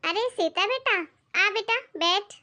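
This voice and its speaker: A woman voicing a patient, doting older mother-in-law in an animated family skit, speaking in a soothing way. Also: extremely high pitch, slow, exaggerated voice. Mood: kindly. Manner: soothing, calming her angry daughter.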